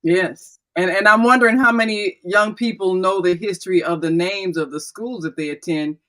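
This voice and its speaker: A woman hosts a radio talk show with a bright, forceful voice. She speaks emphatically and affirms her guests often. She picks up speed when she heads into a break. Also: lowish voice, moderate pace. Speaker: radio host.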